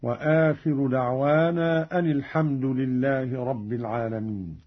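A man teaching Quran recitation variants, explaining each rule in a measured way and then intoning the verse as an example, on a dull lo-fi recording. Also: medium pitch, fairly even intonation, breathy edge.

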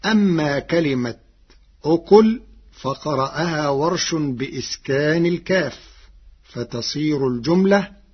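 A man presenting a lesson on recitation variants in a measured way, chanting the quoted verses more loudly than his explanations. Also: fairly high pitch, expressive, breathy edge. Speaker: presenter of a Quran reading lesson. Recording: dull lo-fi recording.

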